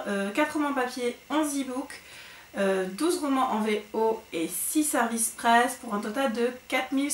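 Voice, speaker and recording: Female book vlogger, slightly high voice, chatty and hesitant, roomy recording. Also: a bit bright. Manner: chatty, hesitant with frequent fillers and restarts. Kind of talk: casual monthly reading recap. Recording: echoey room with faint noise.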